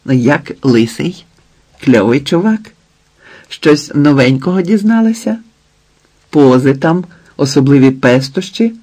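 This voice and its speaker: A man's voice: on the high side, lively intonation, unhurried, pauses often. A man doing a furious jealous husband. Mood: mocking, accusing. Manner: shouting, coarse, accusing.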